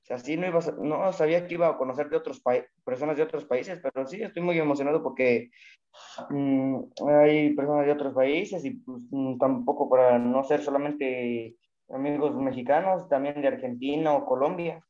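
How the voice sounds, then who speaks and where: A man's voice: mid-range voice, fairly even intonation, dark tone, lo-fi sound. Nervous teenage boy on a video call. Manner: nervous, halting with fillers. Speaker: student. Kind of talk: casual talk on a video call.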